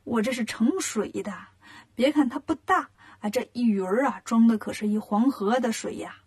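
A woman voicing a mild, easygoing old male river spirit in a children's storybook, speaking low and breathy. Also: normal speed.

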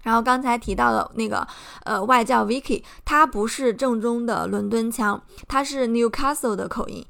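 A young Chinese woman hosts a podcast, offering earnest, encouraging advice that she walks through step by step in a casual tone. Her voice sits on the high side, with a creaky quality and a fairly bright tone, and she speaks at a moderate pace.

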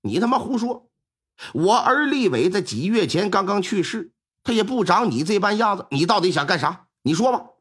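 A grieving old squire from a spoken tale, short-tempered and skeptical, as a male narrator puts him on. His voice is husky with big swings in pitch. He sounds blunt and quick to curse. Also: sing-song, a bit bright, exaggerated voice. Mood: gruff. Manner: gruff, doubting. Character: wealthy old landlord, grieving, irritable.

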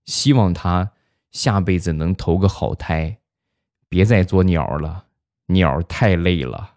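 A man narrating funny stories in a wry, deadpan way. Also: low-pitched, slow, no room sound. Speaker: comic storyteller. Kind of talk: scripted comic narration.

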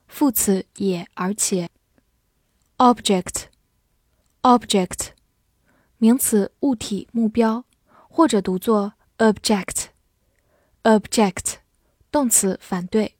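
A young woman teaching vocabulary in a recorded lesson, saying each English word twice clearly, then giving brisk explanations. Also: medium pitch, dark tone, no echo, studio quality.

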